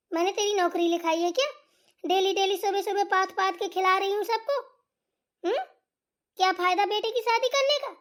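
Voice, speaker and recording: Cartoon mother-in-law, shrill and nagging, hurling taunts and insults, a woman voicing her. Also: a bit bright. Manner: nagging, taunting, name-calling. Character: scolding shrill old village mother-in-law. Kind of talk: voice acting for a comedy cartoon.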